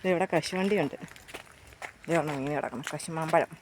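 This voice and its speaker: A woman's voice: deep voice, a little fast. Chatty mother vlogging on a noisy walk. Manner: chatty, calling out to her children as she walks. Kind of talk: casual family vlog, walking and chatting. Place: outdoors on a rural road. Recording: outdoor background noise.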